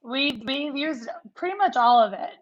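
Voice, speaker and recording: Heard through dull, lo-fi audio, a podcast host of about thirty talks in a casual, reflective way, using many fillers. Her voice is high-pitched with lively intonation, and she keeps a moderate pace.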